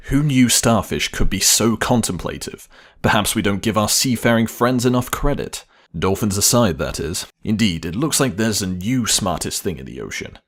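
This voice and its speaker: A man reading scripted narration for a list video in a playful, wry way. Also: on the low side.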